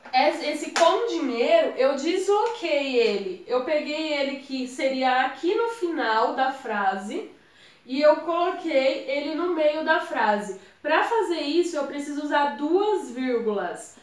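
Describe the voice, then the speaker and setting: A Brazilian woman with a high voice walks viewers through exam grammar in a relaxed, chatty way. The room around her is echoey. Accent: Brazilian Portuguese. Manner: chatty, addresses viewers as gente. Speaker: exam prep tutor. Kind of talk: casual explanatory lesson.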